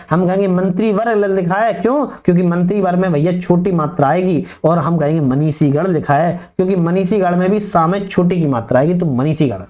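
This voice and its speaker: A man, a coaching teacher going through test answers, repeating each answer as a quick question and calling viewers brother. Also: high voice, a little mellow, highs cut off.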